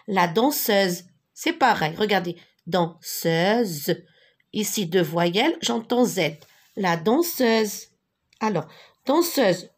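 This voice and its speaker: A woman teaching a French spelling lesson, patiently repeating each word slowly, with a few translations. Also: mid-range voice, slightly rough. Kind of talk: slow classroom lesson with repetitions.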